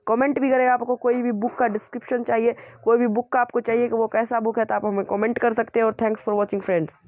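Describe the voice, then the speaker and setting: A man's voice: very high voice, level tone, brisk, darkish tone, no echo. A man hosting a channel, casually recommending school books and repeating and qualifying his points, with frequent hesitations. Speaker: YouTube channel host reviewing school books. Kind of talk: casual spoken book recommendation.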